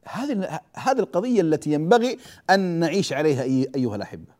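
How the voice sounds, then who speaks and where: A man gives a classroom lecture on hadith. His voice sits high and swings widely in pitch as he talks. He keeps putting questions to the class and then answering them himself. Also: lively intonation, fast talker, darkish tone. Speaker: religious lecturer.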